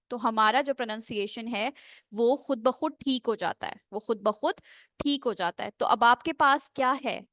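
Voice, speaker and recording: A woman teaching English pronunciation in an online class, switching between Hindi and English, drawing out model phrases slowly and checking in with students often. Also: on the high side, a bit bright, no room sound, studio quality. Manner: slow, drawn-out model phrases, with frequent check-ins. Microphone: computer mic on a screen-shared video call.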